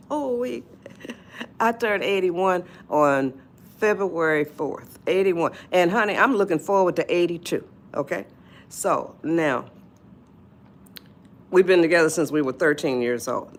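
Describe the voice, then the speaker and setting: An eighty-one-year-old woman hosts a casual live stream, chatty and rambling, frequently laughing and greeting viewers. Her voice is on the low side with lively intonation and an unhurried pace.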